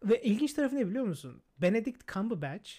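A man co-hosting a casual podcast chat, animated and teasing as he talks over his friend. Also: sits high, fast talker, husky. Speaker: podcast co-host.

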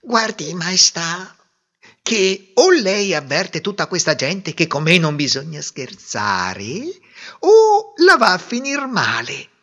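A man's voice: big pitch swings, normal speed, few pauses, bright, forceful tone, muffled recording, heavily acted. A man voicing a small, touchy male mouse suitor who is prickly and menacing in a storybook. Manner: shrill and touchy.

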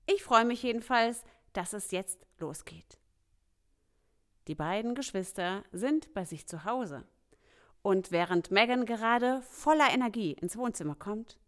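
A woman's voice: medium pitch, measured pace. A woman narrating a children's audio story in a friendly storytelling manner.

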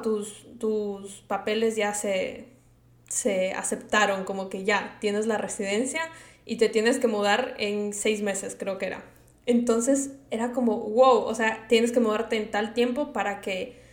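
A woman in her twenties from Ecuador with an Ecuadorian Spanish accent, hosting a casual personal podcast monologue, chatty and rambling, slipping in English words. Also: medium pitch. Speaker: podcast host. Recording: echoey room.

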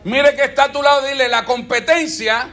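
High-voiced preacher, echoey church. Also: male voice, fairly even intonation, brisk, sharp tone. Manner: call-and-response questioning, repeats phrases. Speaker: pastor. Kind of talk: sermon. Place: church sanctuary.

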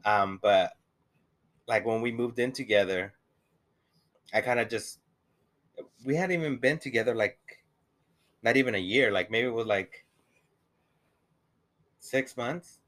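On a casual couple's podcast, a young male co-host with a slight accent talks in a rambling way, filling gaps with "like" and "you know" and dropping the odd swear. His medium-pitched voice has a fairly bright tone, and he speaks a little slowly, pausing often.

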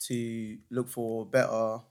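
A young man from Nigeria, chatting casually on a podcast in a lively way, peppered with slang. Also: medium pitch, slow, clean tone. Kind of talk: casual chat.

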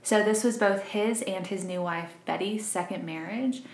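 A woman in her twenties, from Arkansas but raised in Missouri, co-hosts a true crime podcast, talking in a casual, chatty way and laughing easily. Her mid-range voice moves at a normal speed with vocal fry. The recording has a roomy echo and a little hiss or hum.

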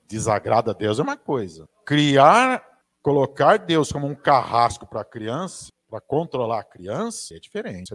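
A man with a Brazilian Portuguese accent, preaching a conversational sermon with asides to the audience. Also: medium pitch.

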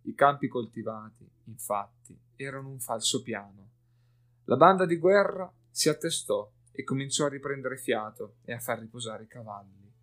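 A man reading a story aloud in a steady, measured way, with faint music behind. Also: mid-range voice. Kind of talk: audiobook narration.

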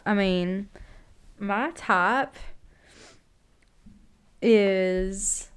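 A woman's voice: mid-range voice, vocal fry, clear, resonant tone. A young adult woman co-hosting a casual podcast chat, laughing often and filling her talk with "like". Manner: giggly, filler-heavy, lots of "like". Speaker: podcast co-host.

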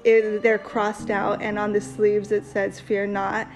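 A woman's voice: mid-range voice, completely flat delivery, measured pace, soft background music, low-quality recording. A woman co-hosting a casual talk, sharing a personal testimony in an earnest, rambling way with fillers. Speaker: podcast co-host.

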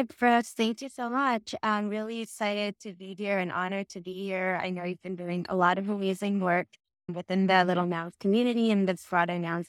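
A young woman from Bangladesh chats as a podcast guest, upbeat and loose, often reaching for "like" and "you know". Her voice sits a little low, recorded close and dry with no room sound. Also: no room sound. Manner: chatty, upbeat, many "like" and "you know" fillers, light laughs. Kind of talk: casual podcast interview.

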